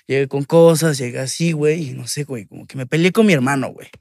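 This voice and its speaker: Gravelly young Mexican man. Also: medium pitch, fast, no echo, studio quality. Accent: Mexican Spanish. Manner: slangy and excitable, acts out quotes. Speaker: guest musician. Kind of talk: casual interview chat.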